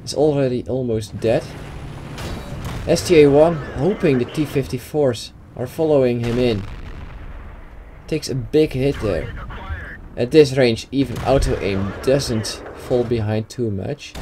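A young man from the Netherlands, a gaming YouTuber, speaks a little slowly in a warm, medium-pitched voice with a Dutch accent. Commenting on a game replay amid background game noise, he hesitates, uses fillers and restarts.

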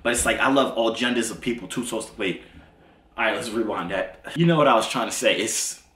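A man's voice: fairly low pitch, a little fast, a bit bright. An American man in his twenties chatting casually and teasingly with strangers in a small indoor room. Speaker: YouTuber host. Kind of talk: casual chat with strangers, asides to viewers. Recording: echoey room, faint noise.

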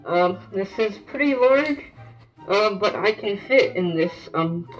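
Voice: mid-range voice, animated, slow pace, soft background music, poor audio. A collector gives a casual show-and-tell review of their gear, talking loosely through a gas mask they are wearing. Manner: informal, loosely explaining as they go.

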